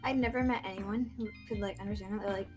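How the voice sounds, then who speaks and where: A woman's voice: medium pitch, fairly even intonation, fast talker, music in the background. A young woman from the United States, a podcast guest, chatting casually and stumbling over her words. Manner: hesitant, stumbling, repeats words. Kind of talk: casual chat.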